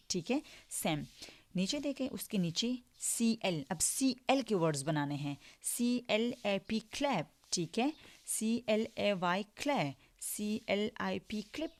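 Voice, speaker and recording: A woman's voice: medium pitch, darkish tone. A woman teacher giving an online English phonics lesson in Hindi mixed with English, spelling each word letter by letter and then saying it, with a frequent "theek hai". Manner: slow drills, spells words letter by letter then says them; mixes English words into Hindi, repeats "ठीक है" often.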